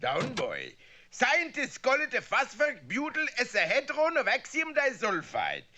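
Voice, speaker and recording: A man's voice: very high-pitched, wildly swooping pitch, normal speed, sharp tone, heavily acted. A man voicing a pompous, eccentric scientist lecturing in a cartoon. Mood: pompous, fussy. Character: pompous, eccentric male scientist, chief assayer. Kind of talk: cartoon voice acting. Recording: dull old cartoon soundtrack.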